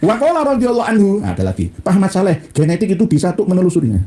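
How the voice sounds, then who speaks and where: A male Islamic cleric with a Javanese Indonesian accent gives an informal religious lecture, reading and critiquing a book. His voice is high, quick, and mellow, with wildly swooping pitch, and his satirical style leans on rhetorical questions and mixed-in Arabic quotes.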